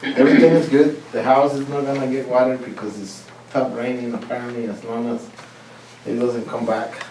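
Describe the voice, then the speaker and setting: A man from Costa Rica with a mid-range, darkish voice and fairly even intonation tells funny stories in a humorous contest speech at a club meeting room. He sounds distant and echoey, laughs at his own tales, and restarts haltingly, with the roomy distant-mic recording adding faint hiss.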